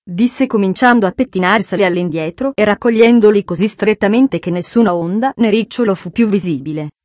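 A woman reads a children's novel aloud in a measured, expressive narration. Her voice sits at an ordinary pitch and is recorded close and dry, with no room sound. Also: no room sound. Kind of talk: audiobook narration.

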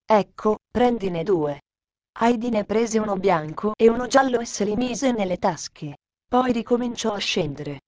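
A woman narrating a children's storybook in a steady, clear reading voice. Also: on the high side, normal speed.

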